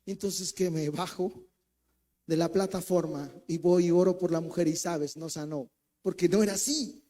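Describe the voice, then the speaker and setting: A man with a Mexican accent, a co-pastor preaching in church, who tells a personal story with animated swings between loud and hushed speech and acts out the voices in it. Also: sits high, normal speed. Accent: Mexican Spanish.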